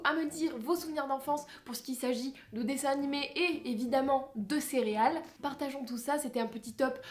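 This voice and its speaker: A French woman with a high-sitting voice vlogs to camera, presenting a countdown in animated, casual chat. She's exclamatory and playful, with theatrical emphasis.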